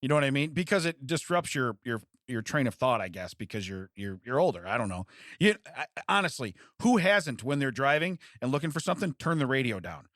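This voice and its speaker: A man's voice: mid-range voice, sing-song, fairly quick, a bit bright, dry recording, clean studio sound. A man co-hosting a podcast in casual banter, joking and laughing often, with stammering restarts. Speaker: podcast co-host.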